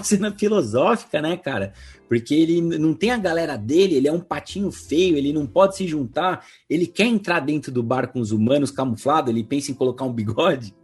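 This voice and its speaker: Man, Brazilian Portuguese accent, podcast co-host, husky, enthusiastic, casual slang. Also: medium pitch. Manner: enthusiastic, lots of "cara" and "né". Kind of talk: casual film review chat.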